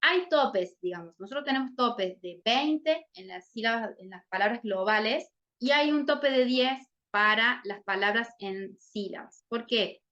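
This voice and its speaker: Woman, teacher, explanatory, keeps asking "right?", bright tone, muffled recording. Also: on the high side, measured pace, hardly any pauses. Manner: checks in often with "¿sí?". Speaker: literacy teacher explaining a case. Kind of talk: explanatory lesson talk.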